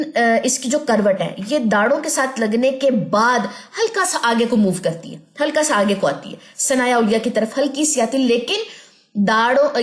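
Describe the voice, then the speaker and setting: High-voiced woman teaching recitation. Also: roomy sound. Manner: explains patiently, demonstrating slow drawn-out recitation. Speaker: tajweed teacher. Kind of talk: online recitation lesson.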